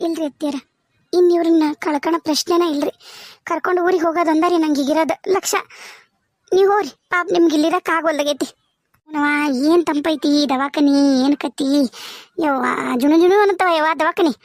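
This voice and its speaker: A woman's voice: sits high, fairly even intonation, brisk, no echo, studio quality, natural voice. A woman voicing a soothing village wife. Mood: practical. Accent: North Karnataka Kannada. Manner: soothing, practical. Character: anxious village wife caring for her husband. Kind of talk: cartoon voice acting.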